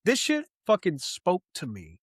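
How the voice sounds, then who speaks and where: A man co-hosting a comic book podcast, talking loudly and excitedly, swearing a lot and laughing often. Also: sits high, measured pace, slightly rough, dry recording, studio quality. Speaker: podcast co-host. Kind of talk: casual chat.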